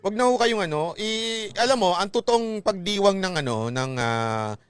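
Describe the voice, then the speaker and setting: A man's voice: high voice, expressive, normal speed, clear, resonant tone, soft background music. A Filipino man hosting a casual YouTube livestream, joking and mocking, often slipping into sung phrases. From Philippines.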